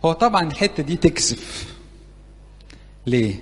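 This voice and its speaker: Egyptian male preacher, fairly high voice, chatty sermon that quizzes young listeners, long hall reverb. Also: sing-song, normal speed. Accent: Egyptian Arabic. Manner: conversational, playful, keeps asking the audience questions. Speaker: church preacher teaching youth. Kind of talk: interactive sermon.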